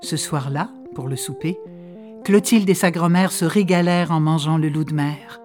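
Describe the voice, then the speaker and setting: A woman narrating a children's storybook slowly and expressively. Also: sits low, darkish tone, soft background music.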